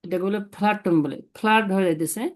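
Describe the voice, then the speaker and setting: A woman's voice: mid-range voice, rapid-fire, a little mellow. A woman teaching tones in a one-on-one online lesson over a video call, patiently repeating syllables for her student. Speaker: Chinese language tutor.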